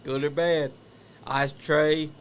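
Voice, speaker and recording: Speaking slowly in a level tone, this fairly high-pitched man hosts a laid-back wrestling talk show. He chats and offers strong opinions about old match footage, laughing at the stories, while slight background noise sits underneath.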